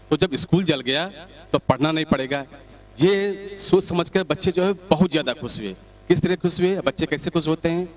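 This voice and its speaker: Chatty male comic storyteller. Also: on the high side. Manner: chatty, lively narration with asides to the audience. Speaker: comedian.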